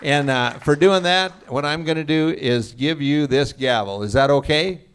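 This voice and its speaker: A man hosting a class auction, calling out prize winners and joking with the crowd in a booming voice. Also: normal speed, smooth. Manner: jokey, booming crowd address. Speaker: auction host. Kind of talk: live event emcee.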